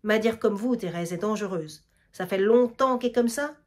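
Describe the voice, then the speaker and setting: A woman's voice: medium pitch, moderate pace, darkish tone, natural voice. A woman reading a play aloud, voicing a bossy middle-aged hostess with a Quebec French accent and a blunt, commanding manner.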